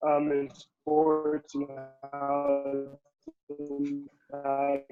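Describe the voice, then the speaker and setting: A man on a glitchy video call that cuts in and out, giving a halting class update and checking whether he can be heard. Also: medium pitch, monotone, gravelly, narrow, tinny audio, soft background music. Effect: glitchy, laggy video call audio cutting in and out. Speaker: student presenting in a class session. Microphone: video call, walking around with a phone.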